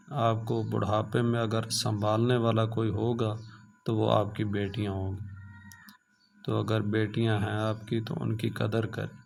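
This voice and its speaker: Male storyteller, earnest and pleading, gravelly texture. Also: lowish voice, a little hiss or hum. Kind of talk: moral story narration.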